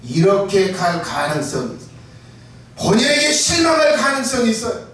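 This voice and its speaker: A pastor preaching an impassioned sermon, often shouting for emphasis and acting out quoted words. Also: male voice, high voice, normal speed. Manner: acts out listeners' and Jesus' words in quotes. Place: church sanctuary. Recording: echoey church hall, mic far off.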